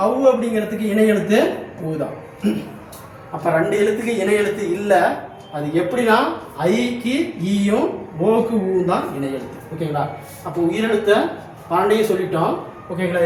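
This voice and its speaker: A male coaching-class teacher from walks students through answers, spelling out letters and checking in after almost every phrase. His voice sits high, and he sounds distant from the mic. A heavy echo fills the hall, with faint room noise behind him. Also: darkish tone. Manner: spells out letters one by one, drilling. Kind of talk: classroom exam-answer lesson. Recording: very echoey room, voice far from mic.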